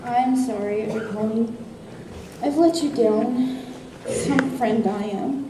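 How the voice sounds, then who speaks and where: A woman's voice: sits high, takes it slowly, distant mic. A woman playing a nervous, apologetic cartoon pony in a live amateur stage skit, hesitant and sheepish. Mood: downcast. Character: nervous, apologetic female cartoon pony afraid of going underwater. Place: on stage in a convention ballroom. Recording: echoey ballroom stage from afar, faint noise.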